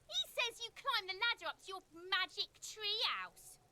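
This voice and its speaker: A woman's voice: extremely high pitch, very animated, normal speed, noisy background. A woman voicing a mocking young girl who taunts and teases. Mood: taunting. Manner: taunting, teasing.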